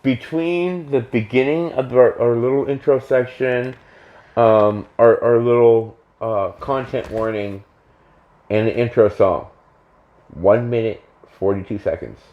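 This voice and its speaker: A man's voice: mid-range voice, a little slow. Man rambling on a muffled podcast. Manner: rambling, self-interrupting. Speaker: podcast co-host. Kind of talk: casual podcast chat.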